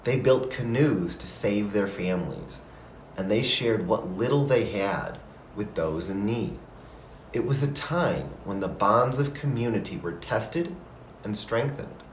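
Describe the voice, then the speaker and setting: A man voicing a kind, wise female elder in a story, with a calm, gentle manner. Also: fairly low pitch, unhurried, echoey room, slight background noise, rough recording. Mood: calm, reverent.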